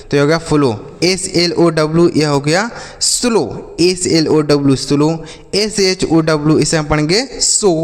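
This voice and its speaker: A man leads a children's phonics lesson in a slightly raised voice. He spells words letter by letter and drills each one with a question and an answer. His voice rings with a long reverb, as if in a big bare room. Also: a little high. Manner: repeats each word as a call-and-response drill. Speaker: English teacher.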